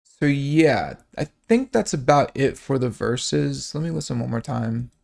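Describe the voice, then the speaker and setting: Man, song breakdown host, casual explanation, mid pitch, fillers and restarts, hums sounds. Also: animated, a little slow, gravelly, loud music behind the voice. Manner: thinking aloud with many fillers and restarts.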